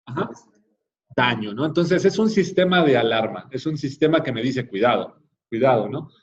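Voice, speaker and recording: A man with a Mexican accent leads a church class, talking casually and checking in with his listeners. His voice sits at an ordinary middle pitch. The recording sounds a little dull and lo-fi. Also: lively intonation, normal speed. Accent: Mexican Spanish. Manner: conversational, frequent tag questions, addresses the class directly. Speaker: Bible class teacher.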